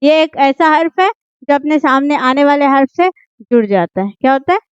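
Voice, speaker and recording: A woman's voice: sits high, expressive, normal speed, no room sound. A woman, teaching an Urdu writing lesson patiently and often checking that her students follow. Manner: patient, repeats checks like "ठीक है?". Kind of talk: explaining script lesson. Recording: dull, dry, lo-fi voice.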